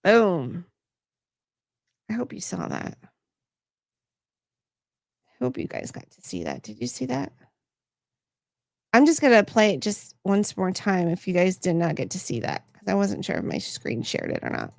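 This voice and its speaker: A woman's voice: mid-range voice, wildly swooping pitch, moderate pace, gravelly, pauses often, darkish tone, no room sound, clean studio sound. A woman hosting a livestream, reading news stories aloud and adding sarcastic asides for her chat. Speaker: host.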